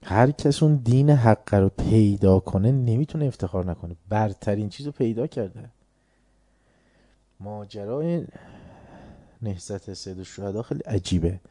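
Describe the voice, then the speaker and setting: A man with a lowish, very dark and mellow voice delivers an informal sermon, recorded close and dry. He talks conversationally and keeps turning to his listeners with rhetorical questions. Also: lively intonation, no echo. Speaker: preacher. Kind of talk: informal religious lecture.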